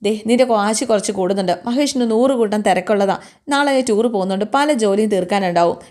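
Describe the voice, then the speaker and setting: A woman's voice: mid-range voice, fast talker, darkish tone, lightly acted. A woman voicing a worried grandmother coaxing and reassuring a child, in a storytelling retelling.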